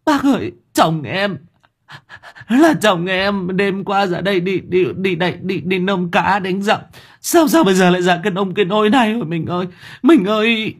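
A man's voice: high voice, normal speed, husky, voice pushed up. A man voicing a young village wife who sobs, stammers and wails over her dead husband. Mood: wailing grief. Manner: wailing, stammering. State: sobbing.

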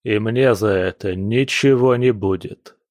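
A man's voice: on the low side, unhurried, a little mellow, no echo, close to an everyday voice. A man reading an audiobook, playing a burly stableman who makes blunt threats. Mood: threatening.

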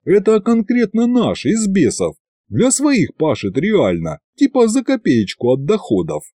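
A man's voice: high-pitched, huge pitch swings, unhurried, dark tone, slightly rough, dry recording, clean studio sound, pitched above the performer's own voice, exaggerated voice. A man voicing a cocky male imp who plays at being tsar, talking in swaggering street slang.

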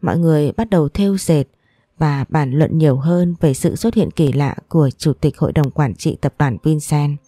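A woman calmly narrating a storybook with an even storytelling manner. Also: sits low, moderate pace, no echo, clean studio sound, soft background music.

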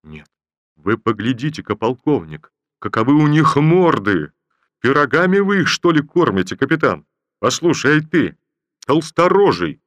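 A man reading an audiobook voices an old army general, jovial and hot-tempered, barking orders and praise in a loud commanding voice. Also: medium pitch, very animated, normal speed, no room sound, voice pushed up.

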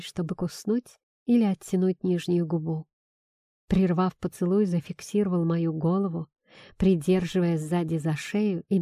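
A woman narrating a first-person romance audiobook in a calm, even storytelling voice. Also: on the low side, no room sound, clean studio sound.

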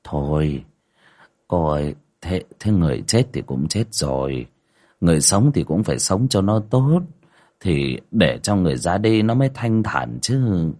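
A man voicing a sympathetic village neighbour who consoles in a low, soothing, matter-of-fact way. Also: very animated, a little slow, darkish tone, heavily acted. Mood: consoling.

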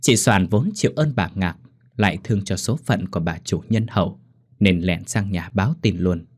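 A man narrating a ghost story in a dramatic, expressive way. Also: low-pitched, moderate pace. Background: faint music.

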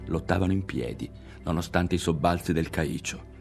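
A man reading a literary novel aloud in a measured, quietly dramatic way, close to the mic. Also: deep voice, creaky, soft background music. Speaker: audiobook reader.

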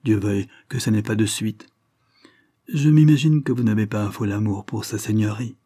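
A man's voice: on the low side, fairly even intonation, normal speed, warm tone, no room sound, studio quality, close to an everyday voice. A man doing an anxious old steward. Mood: fretful. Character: old loyal male estate steward, anxious.

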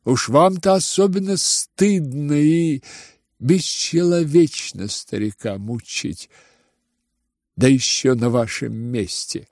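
A trembling mother reproaches a guest in a storybook reading, voiced by a man. Her words are slow and slightly raised, in a dry, close sound. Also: mid-range voice, animated, darkish tone, no echo, voice pushed up. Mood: reproachful. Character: distressed middle-aged mother, reproachful.

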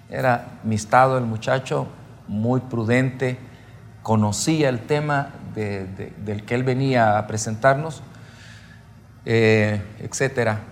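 Pastor man with gravelly voice. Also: medium pitch. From El Salvador. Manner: emotional storytelling, addresses listeners as brothers. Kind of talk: sermon testimony. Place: church or seminar hall.

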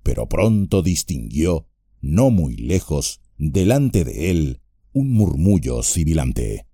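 A man narrating an audiobook in an expressive, dramatic way. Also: extremely low pitch, slow, slightly rough, no echo, clean studio sound.

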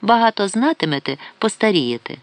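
A man putting on a sassy young saleswoman with a cheeky, mock-indignant bite, pitched well up from his own voice. Her lines leap high and bright in a storybook reading. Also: very animated, a little fast, no room sound.

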